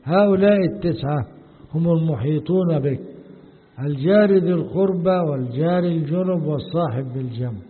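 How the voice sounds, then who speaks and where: A man with an Egyptian accent teaching a religious commentary lesson, explaining slowly and posing questions to the audience before answering them. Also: a little high, breathy edge. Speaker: sheikh teaching a Quran commentary. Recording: tinny lo-fi sound with long hall reverb.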